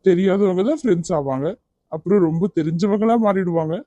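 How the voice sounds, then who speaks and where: A kind young man in a cartoon, voiced by an actor, talking firmly but gently and coaxing without letup. His voice is mellow and middle-pitched, recorded dry and close. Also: fairly quick, no room sound, muffled recording, close to an everyday voice. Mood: gentle coaxing. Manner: firm yet gentle, coaxing. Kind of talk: cartoon voice acting.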